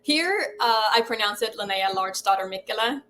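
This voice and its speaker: Animated and speaking at normal speed, the Swedish film festival founder, middle-aged and a native Swedish speaker, responds to interview questions in a mid-range voice. She is thoughtful, with many fillers and restarts, and background noise is present.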